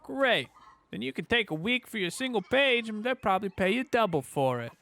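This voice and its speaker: A man putting on a chirpy joking printer. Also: animated. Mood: teasing. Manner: high, bantering, slow drawn-out delivery. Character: cheery joking male printer, townsman. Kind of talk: reading game dialogue aloud.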